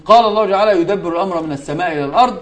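A sheikh teaching a religious lesson to students, speaking emphatically, repeating key words, quoting scripture and breaking off for quick asides to the class. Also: male voice, sits high.

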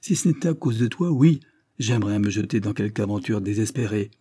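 A man's voice: lowish voice, expressive, fairly quick, warm tone, husky, no echo. A man doing an evasive young husband. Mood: agitated reassuring. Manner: forced cheerfulness, protesting.

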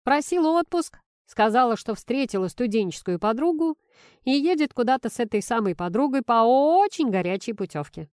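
A woman's voice: on the high side, animated, moderate pace, a little mellow, clear, resonant tone, dry recording, pitched above the performer's own voice, lightly acted. Lady doing a smug evasive boss guy, drawly and mocking, dry close audio. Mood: irritated, curt. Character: middle-aged male boss, smug and evasive.

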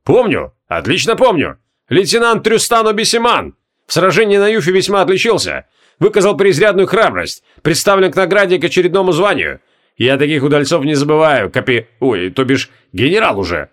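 A man's voice: on the high side, big pitch swings, brisk, a bit bright, voice pushed up. A man voicing a jovial, folksy old undead marshal who speaks in rustic turns of phrase and barks commands at his troops. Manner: folksy rustic speech, gruff barking commands.

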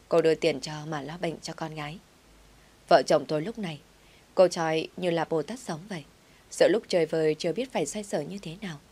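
A woman's voice: low voice, darkish tone, slightly rough. A woman reading a first-person story aloud in an earnest, emotional storytelling manner.

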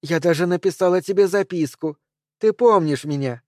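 A man reading an audiobook, voicing an agitated, unstable woman holding a gun, in shrill emotional outbursts. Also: moderate pace, darkish tone, no echo, studio quality, lightly acted. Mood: excited.

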